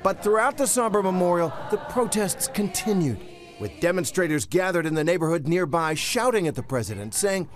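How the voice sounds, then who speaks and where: A middle-aged man reporting live outdoors at night as a news correspondent, in an earnest, measured way. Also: sits high, lively intonation, over music.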